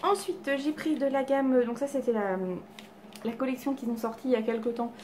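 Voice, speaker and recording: Chatty woman, higher voice. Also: brisk, a little mellow, slight background noise. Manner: chatty, self-deprecating, full of fillers and restarts. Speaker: beauty vlogger. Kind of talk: casual haul chat to camera. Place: home with cats around.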